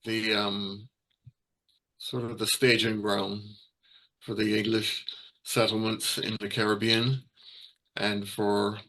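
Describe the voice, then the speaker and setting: Halting low-voiced man from Barbados. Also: little pitch movement, a bit bright, low-quality recording. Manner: halting, many fillers and restarts. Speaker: guest speaker. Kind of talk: hesitant informal presentation.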